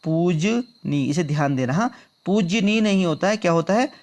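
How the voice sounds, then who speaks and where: Man going through exam questions, higher-pitched. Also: expressive, a little fast. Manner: drills answers by repeating them back as questions; addresses viewers as friends. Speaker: exam prep teacher. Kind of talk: explaining quiz answers.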